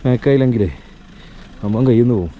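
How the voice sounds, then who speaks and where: A man speaks in an excited, casual vlog style. His mid-pitched voice is full of exclamations and repeated phrases, peppered with English words. Clear outdoor and vehicle noise sits behind him. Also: fast. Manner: Malayalam sprinkled with English words and slang. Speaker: vlogger. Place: outdoors and in a vehicle on rough hill track. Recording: noisy outdoor and vehicle background.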